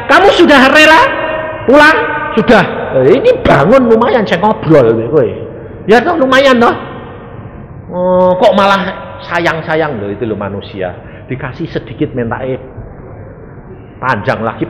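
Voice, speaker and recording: An evangelist with a slightly high male voice delivers an animated sermon built around stories, acting out quoted voices and breaking into sudden shouts. The hall is echoey, with faint noise.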